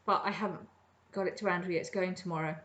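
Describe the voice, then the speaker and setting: A fast-talking middle-aged woman with a fairly low, steady, fairly bright voice rambles chattily about her crafting projects, saying um a lot. The podcast is recorded indoors in her home kitchen as casual show-and-tell, and there's a little hiss or hum.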